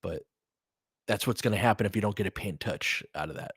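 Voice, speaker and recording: An American man hosts a fan stream and calls basketball play-by-play live, casual and analytical, often in clipped phrases. His lowish voice is fairly quick, fairly bright, and slightly rough, in a dry, studio-quality recording.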